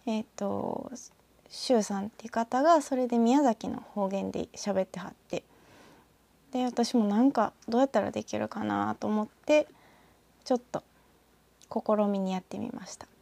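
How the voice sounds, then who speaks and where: A woman from northern Osaka with a Kansai accent, talking alone in a rambling, reflective way and often trailing off into soft asides. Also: medium pitch, normal speed, vocal fry, no room sound. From northern Osaka, Japan. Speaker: podcaster. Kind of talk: casual solo talk with a short reading.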